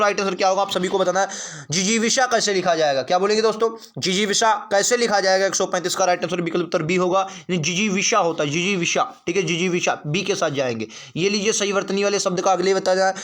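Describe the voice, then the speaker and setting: A man with a high-pitched voice runs an exam-prep spelling class. He repeats every answer several times, asking his listeners a question and then answering it himself. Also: quick pace, fairly bright tone. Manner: repetitive, drilling answers, asks and answers himself.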